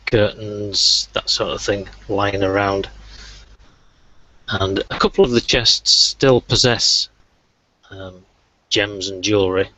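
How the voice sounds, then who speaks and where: A man's voice: sits low, sharp tone, dry recording, rough recording. A man narrating a tabletop game as game master, hesitant with many fillers.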